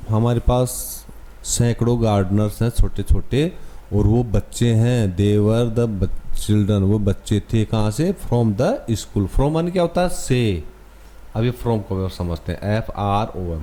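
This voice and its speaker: Slow, dark-voiced Indian male teacher. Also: medium pitch. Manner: patient, repeats words and spells them out letter by letter. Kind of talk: explaining an English lesson to young pupils.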